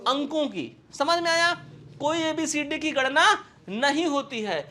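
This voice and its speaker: A man's voice: very high voice, lively intonation, sharp tone. A man teaching a computer lesson in with a tinge, who keeps checking whether his students have understood. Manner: asks quick check questions again and again. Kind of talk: classroom-style lesson.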